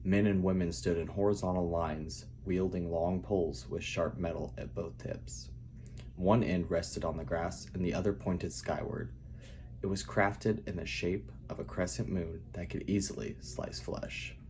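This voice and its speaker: A man speaking softly and calmly as he reads his own fantasy writing aloud in a quiet narrating style. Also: deep voice, a little slow, slight background noise. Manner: quiet, calm, soft-spoken reading. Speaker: writer reading own novel aloud.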